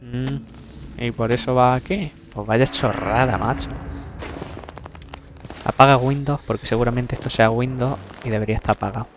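A man's voice: mid-range voice, steady tone, moderate pace, pauses often, noisy background. A young man from Spain giving casual let's-play commentary, chatty and self-mocking, swearing casually as he goes. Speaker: gameplay commentator. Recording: game music playing loudly behind.

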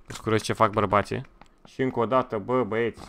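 A man from Romania streaming a game live, excitable and swearing freely as he thanks donors between fights. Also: lowish voice, creaky, very noisy. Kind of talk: live gameplay stream commentary.

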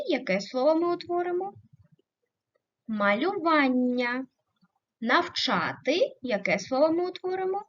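A woman teaching a primary school class, speaking slowly and clearly, stretching out example words, asking the class questions and praising the answers. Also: high voice, lo-fi sound. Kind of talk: recorded online lesson.

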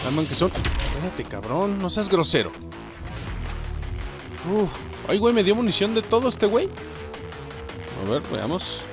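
A young adult man with a Mexican accent giving crude, excitable let's play commentary, yelling and swearing at enemies. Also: sits high, unhurried, pauses often. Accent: Mexican Spanish. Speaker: gaming channel host. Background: game music.

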